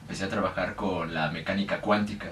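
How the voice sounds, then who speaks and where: A deep, fairly bright voice belongs to a young Mexican guest with a Mexican accent, who speaks fast in a steady tone. During the casual interview he hesitates a lot, with fillers and restarts throughout. Expect an echoey room, a mic at a distance and faint noise.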